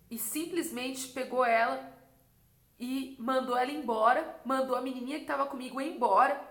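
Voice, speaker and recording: A woman's voice: a little high, a bit bright. A young Brazilian woman vlogger telling a personal religious story with intense emotion and a lot of repetition. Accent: Brazilian Portuguese. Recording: echoey room.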